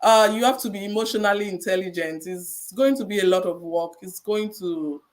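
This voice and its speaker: Her mid-range voice carries a Nigerian accent as she appears as a nurse guest on a podcast. She advises in a measured, encouraging manner, circling back to her main points so they stick.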